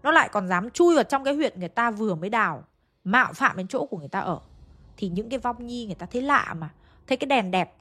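Chatty woman telling a ghost story. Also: mid-range voice. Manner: chatty, addresses listeners directly.

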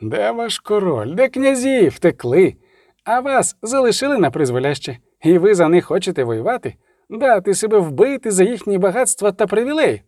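A man voicing a fiery middle-aged street preacher who declaims and shouts to a crowd. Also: high voice, sing-song, moderate pace, no room sound, studio quality, pitched above the performer's own voice. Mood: mocking.

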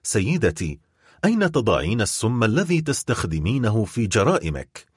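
A man voicing a stern male prosecutor who accuses his wife in grave, measured speech, in an audiobook. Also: fairly low pitch, huge pitch swings, slightly rough, no echo, studio quality, full character voice. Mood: accusing. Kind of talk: audiobook character voice.

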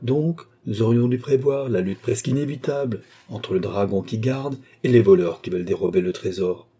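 A man voicing a calm, disdainful, scheming captain in an audiobook, speaking coolly and with command. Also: on the low side, normal speed, slightly rough. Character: cold, scheming male adventurer captain.

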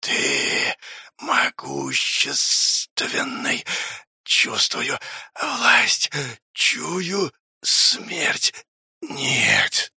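A man voicing a towering vengeful male undead ghost, speaking in slow, broken, whispery rasping phrases. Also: mid-range voice, huge pitch swings, bright, forceful tone, dry recording, studio quality, pitched above the performer's own voice, heavily acted. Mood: eerie brooding. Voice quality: slow eerie whispery rasp.

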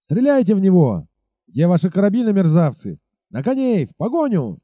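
A man's voice: medium pitch, sing-song, moderate pace, no echo. A man reading aloud, voicing a hot-tempered, arrogant army captain who barks orders. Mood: furious. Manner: blustering, shouting orders. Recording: dull lo-fi recording.

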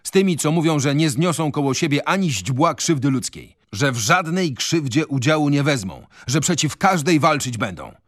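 A man's voice: fairly high pitch, big pitch swings, normal speed, few pauses, a bit bright, no echo, studio quality, voice pushed up. A man voicing a fiery young revolutionary. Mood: fervent. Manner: fervent, declamatory. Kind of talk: radio reading of a novel.

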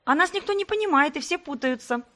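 Woman doing pushy twin girls, squeaky high, rapid-fire questions, storybook. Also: expressive, fairly bright tone. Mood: eager chatter. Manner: rapid breathless questions, shrill. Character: lively teenage twin girls, chattering and pushy.

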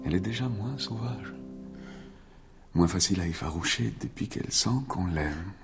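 An actor playing a calm, reassuring gentleman in a radio drama, speaking in a measured way. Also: low-pitched, faint music behind.

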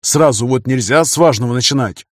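A man voicing a sleepy, teasing, sharp-tongued young woman in an audiobook. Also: medium pitch, a little fast, no room sound, studio quality, natural voice.

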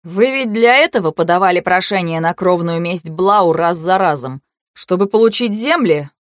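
A woman voicing a shrewd young man who questions calmly and pointedly in a storybook reading. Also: fairly low pitch, no echo, studio quality, lightly acted. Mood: insinuating. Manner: measured, coolly probing.

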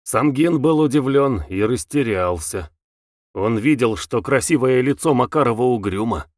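A man narrating a novel as an audiobook, in a measured and expressive way. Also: medium pitch, no echo, studio quality.

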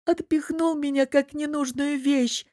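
Woman reading as a weepy young girl, way higher than the narration, loud and shaky, dry close sound. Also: normal speed, dry recording, natural voice. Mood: distraught. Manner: sobbing, high-strung pleading. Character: tearful upset young woman, hurt and defensive.

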